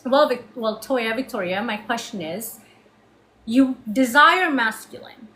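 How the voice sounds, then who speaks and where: A woman's voice: a little high, expressive, a little slow, pushed and bright, poor audio. A woman speaking with braces in her mouth, coaching a live audience on relationships in an emphatic, explanatory way with repeated points. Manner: talking with braces that cut the inside of the lips; emphatic, explanatory, repeating key points with rhetorical check-ins. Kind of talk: interactive coaching talk to a live online audience. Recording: clear background noise.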